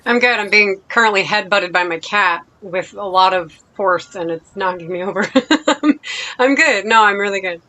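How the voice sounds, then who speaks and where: A woman joining a casual video call from home, bubbly and quick to laugh. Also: mid-range voice, bright, forceful tone, poor audio. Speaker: guest. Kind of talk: casual group video chat. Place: at home with a cat.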